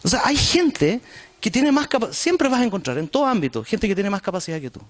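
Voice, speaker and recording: Speaking fairly quickly in a high-pitched, slightly bright and very animated voice, a Chilean Spanish-accented pastor preaches a church sermon, chatting straight to the congregation.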